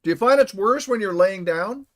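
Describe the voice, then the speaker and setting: A man's voice: high-pitched, expressive, normal speed, fairly bright tone. A man streaming a game from home, chatting casually and playfully with his viewers and inventing silly words. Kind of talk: casual live stream chat.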